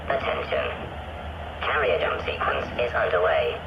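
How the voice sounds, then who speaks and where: A man voicing a stern, clipped carrier announcement over a ship's loudspeaker. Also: deep voice, very animated, a little slow, exaggerated voice. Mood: formal. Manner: clipped, formal announcer delivery. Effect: ship loudspeaker announcement. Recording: dull lo-fi tannoy with engine noise.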